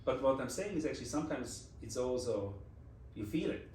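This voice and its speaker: Speaking a little fast with lively intonation, this medium-pitched, darkish-toned man is a Swiss design executive in his forties, guesting on a casual interview. He reflects in second-language English with a Swiss German accent, rephrasing and restarting as he goes. The mic is distant and off to the side, giving a roomy echo and slight background noise.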